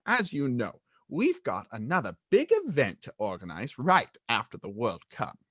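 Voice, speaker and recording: A man's voice: medium pitch, huge pitch swings, moderate pace, a bit bright, slightly rough, dry recording, clean studio sound, heavily acted. A man reading the part of a pompous young male wizard official with a self-important, emphatic delivery, in an amateur group read-aloud.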